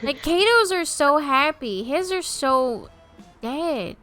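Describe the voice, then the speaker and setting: A woman streaming a dating game, reading the story aloud in a playful way and yelling at the dog on screen. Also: sits high, lively intonation, slow, faint music behind. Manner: playful, reads text aloud, bursts into yells at the dog. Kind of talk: casual game playthrough narration.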